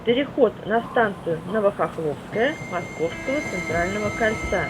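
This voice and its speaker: Woman announcing stops over a train loudspeaker. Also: animated, moderate pace. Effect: played over a train loudspeaker. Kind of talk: prerecorded transit announcement. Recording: loudspeaker heard from off-mic in a noisy train car. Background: train rumble and carriage noise.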